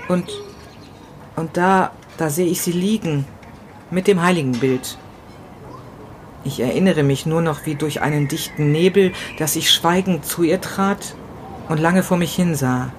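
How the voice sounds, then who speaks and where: A woman reading the part of a grief-stricken, tormented man in a first-person literary novella, halting and repeating herself, dropping to whispers and rising in outbursts. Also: low-pitched, a little hiss or hum. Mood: grieving, desperate. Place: city balcony, outdoors.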